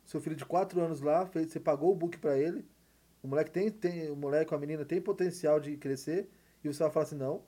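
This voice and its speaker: A man's voice: on the high side, fairly even intonation, fast talker, dark tone, slightly rough. A man with a Brazilian accent giving a casual, rambling opinion monologue, full of fillers and rhetorical questions. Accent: Brazilian Portuguese. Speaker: podcast host.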